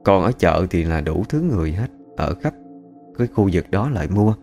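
A man's voice: low voice, big pitch swings, normal speed, dark tone, faint music behind. Chatty man telling ghost stories. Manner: colloquial, chatty. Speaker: storyteller. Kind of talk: ghost story narration.

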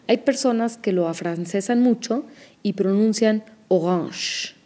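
A woman teaching an audio language lesson, explaining pronunciation slowly and carefully. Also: medium pitch, warm tone.

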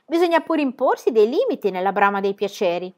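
Brash young girl with a high, bright voice, put on by a woman reading aloud, cheeky and unafraid. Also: big pitch swings, fairly quick. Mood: defiant.

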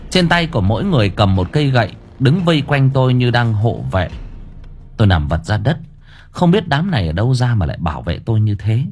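A man narrating a first-person audiobook story in a dramatic, lively way. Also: medium pitch, brisk, faint music behind.

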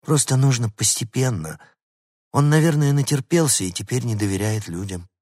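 A man voicing a gentle, patient girl in a storybook reading, soothing in tone. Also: mid-range voice, expressive, moderate pace, no room sound, clean studio sound, lightly acted.

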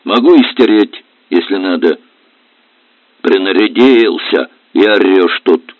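A man voicing a gruff, grumbling middle-aged helmsman with rough, mocking speech, read for a storybook. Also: deep voice, slow pace, no room sound. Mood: resentful. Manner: sullen, mocking, rough colloquial. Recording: tinny dry lo-fi audio.

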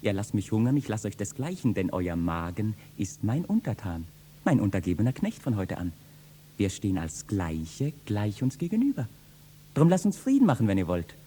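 Young kitchen boy, cheeky and loud, animated voice, 1960s radio drama. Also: on the low side, normal speed, a little hiss or hum. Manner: lively, mocking, bursts into loud shouting. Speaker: actor in a radio play. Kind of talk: classic stage verse, 1960s radio play.

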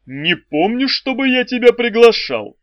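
A man's voice: extremely high pitch, sing-song, measured pace, no echo, voice pushed up, heavily acted. A man voicing a self-assured, mocking lord of darkness with a dry ironic manner. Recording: dry, slightly dull audiobook recording.

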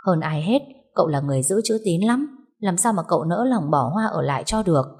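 A woman narrates a novel in an expressive, dramatic storytelling style. Her voice sits low and mellow, with a husky, breathy grain. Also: fairly quick.

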